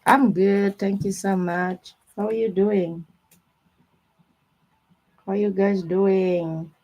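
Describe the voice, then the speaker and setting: A woman hosting a live stream gives a tarot reading, chatting casually with viewers in informal, non-native English. Her voice is medium-pitched, steady, slow and darkish, and the audio quality is poor.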